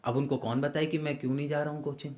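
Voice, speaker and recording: Lively storytelling man, fairly high voice. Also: rapid-fire, crowd noise. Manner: lively anecdotal storyteller, explains patiently. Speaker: anchor and voice artist, guest. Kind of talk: casual podcast interview.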